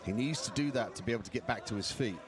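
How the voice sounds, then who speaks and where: A man's voice: fairly low pitch, racing, a crowd in the background, background noise. A man giving technical live fight commentary as an analyst.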